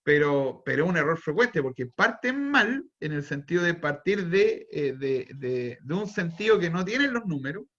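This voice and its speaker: A man with a Chilean accent lecturing on calculus in an online class. His voice sits a little high, and he restarts phrases as he works through examples and quizzes the students. The audio is dull and lo-fi. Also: sing-song, moderate pace, few pauses, fairly bright tone. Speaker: university math lecturer.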